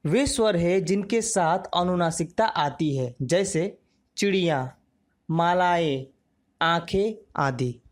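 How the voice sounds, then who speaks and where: A woman teaching a grammar lesson, slow and measured, drawing out each example word. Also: fairly low pitch, expressive.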